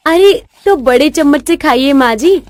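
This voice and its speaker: A woman's voice: high voice, expressive, unhurried, a little mellow, dry recording. A woman voicing a crafty young daughter-in-law in a cartoon story, sugary and theatrically whiny. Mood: fake-sweet. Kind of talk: animated storybook voice acting.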